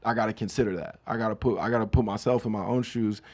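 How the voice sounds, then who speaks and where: Gravelly comedic podcast host, man. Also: on the low side, quick pace. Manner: animated, riffing, mock-voices quoted lines. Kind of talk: comedic solo podcast chat.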